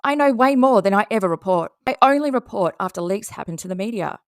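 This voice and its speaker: Speaking fast with lively intonation, an Australian woman hosts a commentary video, bluntly mocking the posts she reads aloud with casual sarcasm. Her medium-pitched voice comes through dry and studio-clean.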